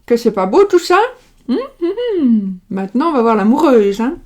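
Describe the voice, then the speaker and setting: A woman's voice: a little high, animated, fast. A middle-aged woman giving a casual tarot reading, talking in a rambling way with many fillers and restarts. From France. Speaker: tarot card reader. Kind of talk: casual card-reading livestream. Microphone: webcam or desk mic, video call style.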